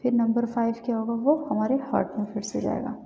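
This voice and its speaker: In a brisk, flat delivery, a woman with a fairly high yet gravelly, dark voice explains anatomy diagrams in a casual lesson, checking comprehension with repeated "theek hai." The recording is dull, with long room reverb and faint hiss.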